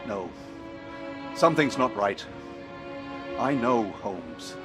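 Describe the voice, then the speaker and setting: Film drama: polite, hesitant gentleman doctor, loyal and anxious, expressive intonation over clear score. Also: medium pitch, slow pace, over music. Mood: worried. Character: loyal, anxious, genteel male doctor, detective's companion.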